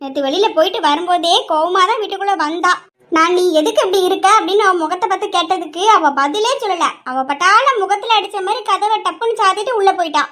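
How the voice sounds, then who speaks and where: A woman voicing a sharp-tongued middle-aged mother who scolds and jabs sarcastically, in an audio drama. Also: extremely high pitch, quick pace. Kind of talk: amateur audio drama acting.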